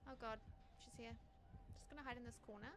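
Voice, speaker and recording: A woman's voice: fairly high pitch, fairly even intonation, quick pace, fairly bright tone, slight background noise. A woman with a New Zealand accent giving casual, chatty gameplay commentary as a streamer, muttering to herself with giggly asides.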